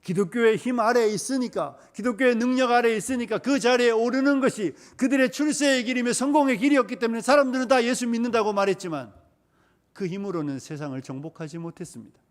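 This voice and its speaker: A man's voice: extremely high pitch, quick pace. A male pastor preaching a sermon, asking rhetorical questions and driving points home with repetition.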